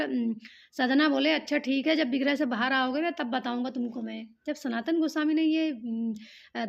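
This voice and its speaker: Woman storyteller, devotional legend, high gravelly voice, dull lo-fi recording. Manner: plain spoken narration with fillers.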